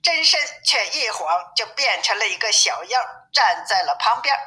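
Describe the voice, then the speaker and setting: A woman reading a classic novel aloud as a storyteller, in steady, even narration, with a tinny phone-like sound. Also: mid-range voice, moderate pace.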